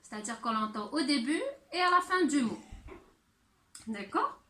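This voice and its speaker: A woman teacher giving a handwriting and sounds lesson to young children, speaking slowly and clearly. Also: high voice, animated, bright, forceful tone, roomy sound. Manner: slow, clear teacher talk addressed to children. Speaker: primary school teacher.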